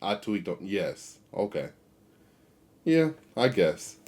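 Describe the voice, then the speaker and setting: A young man co-hosting a casual chat, easygoing and agreeable, often trailing off softly. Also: lowish voice, very animated, slow. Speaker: podcast co-host.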